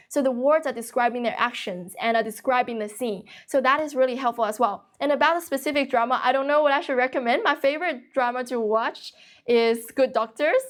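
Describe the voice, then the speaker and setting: Young woman, from China, first language Chinese, fairly high voice, brisk chatty livestream tutor. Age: young adult. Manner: brisk, chatty, refuses to slow down. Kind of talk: casual livestream chat answering viewers. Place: office.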